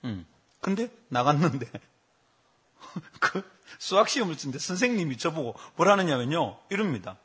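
A man's voice: on the high side, normal speed, breathy edge. A man, preaching a sermon as a pastor and telling stories with acted quotes. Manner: animated storytelling with acted quotes.

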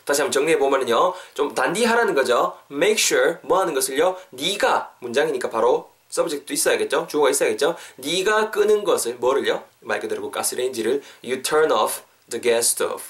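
A young man runs a podcast English lesson as the host and teacher, explaining phrases and then saying them slowly so listeners can drill. His delivery is lively and upbeat, coaxing, with sudden lifts in pitch.

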